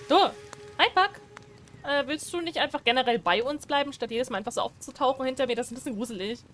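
Excitable young woman gaming streamer. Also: high-pitched, rapid-fire, faint music behind. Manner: chatty, excitable, with loud squeals. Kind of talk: casual let's play commentary.

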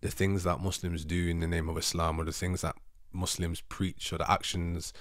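A vlogger in his thirties who speaks Urdu natively chats reflectively to camera from his living room sofa, rambling and correcting himself. His low, fairly bright voice shows little pitch movement at a normal pace, recorded dry and studio-quality on a close handheld mic.

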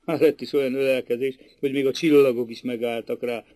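A man narrating a classic novel as an audiobook in a lively, expressive storytelling manner. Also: mid-range voice, dry recording.

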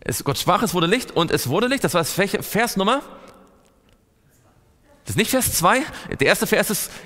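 A man's voice: fairly high pitch, a bit bright. A man teaching a Bible study to a group, asking them questions and answering himself. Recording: long reverb in a hall.

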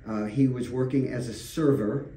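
A man's voice: medium pitch, fairly even intonation, moderate pace, warm tone, a little hiss or hum. An older man, a realtor, talking earnestly in a radio studio interview, telling stories with emphatic repetitions. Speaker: realtor guest. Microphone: desk microphone. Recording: roomy studio, distant mic.

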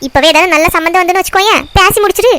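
A blunt, scolding old mother from a cartoon family drama, voiced by a woman. The voice sits very high and the words come out quick and pushy. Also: fairly bright tone. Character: older mother worrying about granddaughters' marriages. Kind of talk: cartoon voice acting.

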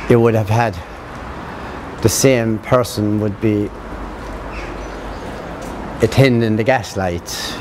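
A man in his seventies with an Irish accent, reminiscing in a halting, conversational interview outdoors. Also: medium pitch, background noise. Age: 70s. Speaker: local interviewee recalling town history. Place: outdoors, sheltered spot by a garden.

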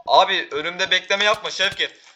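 Teen guy yelling at his teammates mid-game, bright voice, faint keyboard clicks behind. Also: high-pitched, moderate pace, slight background noise. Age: teens. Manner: excitable, talks to teammates and viewers, frequent exclamations. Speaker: gaming YouTuber. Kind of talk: live gameplay commentary.

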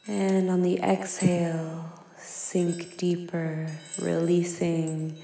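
Long pauses fill this guided meditation, led by a woman whose soft, even, lowish voice crackles with vocal fry. Singing bowls and ambient music play behind her, and her words linger in a long echo.

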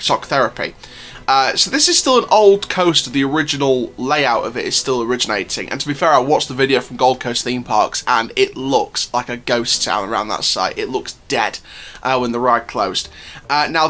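Bright-voiced man hosting a theme park channel. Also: on the high side. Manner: chatty, enthusiastic fan talk addressed to viewers. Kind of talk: casual news commentary.

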